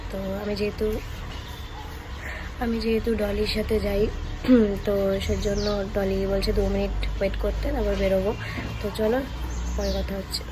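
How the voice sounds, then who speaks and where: A young woman from India chatting casually in a vlog, her voice hoarse and nearly gone from a cold, tired and subdued. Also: medium pitch, flat delivery, normal speed, pauses often, background noise. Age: young adult. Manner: tired, subdued sick-day talk. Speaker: vlogger.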